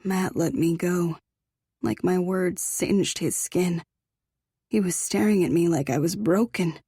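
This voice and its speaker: A woman's voice: on the low side, fairly even intonation, measured pace, warm tone, slightly rough, no room sound, studio quality. A woman narrating a first-person romance audiobook in an intimate, emotional reading.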